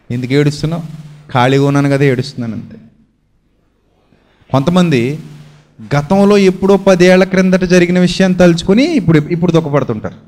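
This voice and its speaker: A man delivers a sermon, posing questions to his listeners and answering them himself with homely, everyday examples. His voice moves between low, quiet stretches and raised, drawn-out emphatic lines.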